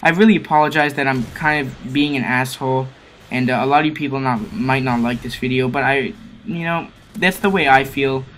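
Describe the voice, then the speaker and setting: His voice medium-pitched, brisk and fairly bright, with fairly even intonation, a teenage gaming video maker delivers ranting commentary over gameplay. He lectures viewers in a meandering, sermonizing way, frequently stumbling and correcting himself, and there's slight background noise.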